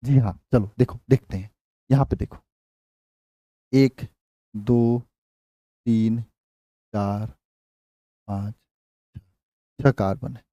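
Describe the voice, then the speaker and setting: A man teaching a chemistry class in Hindi. He counts aloud slowly, asks questions and repeats the answers, and his voice rises higher and louder when he stresses a point. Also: dry recording, lo-fi sound. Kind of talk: live online class teaching.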